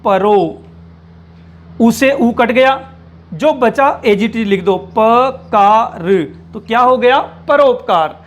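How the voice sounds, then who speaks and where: A man's voice: very high-pitched, animated. A man teaching Hindi grammar to exam students, explaining step by step and asking rhetorical questions as he goes. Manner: slows and stretches words when spelling out sounds. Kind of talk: blackboard lesson for exam students.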